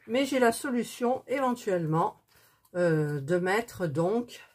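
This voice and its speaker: A woman chatting softly as she stitches at home, thinking aloud in a casual cross-stitch tutorial recorded on a phone on a stand. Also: mid-range voice, animated, takes it slowly, slight background noise. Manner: speaks softly near the phone. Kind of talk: casual craft tutorial chat.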